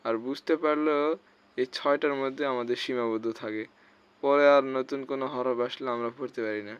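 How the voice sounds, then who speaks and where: A man teaching Quran recitation rules step by step, often checking "okay?" and slowly drawing out recited syllables. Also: medium pitch, steady tone, clear, resonant tone, dry recording. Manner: explains step by step, often checks with "ঠিক আছে?". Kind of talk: explanatory lesson. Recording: slightly dull lo-fi sound.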